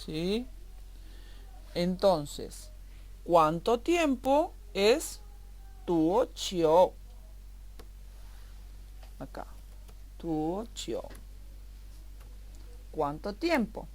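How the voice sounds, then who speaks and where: A woman's voice: on the low side, sing-song, extremely slow, long pauses, darkish tone, slight background noise. A woman teaching a recorded online language class, explaining patiently and repeating each word step by step.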